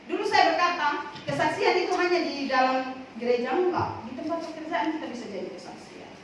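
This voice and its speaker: High-voiced woman preaching in an echoey hall. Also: fairly quick. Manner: animated, rising and falling emphasis. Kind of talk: sermon with personal testimony. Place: prayer house hall. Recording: echoey hall, from far off, noisy.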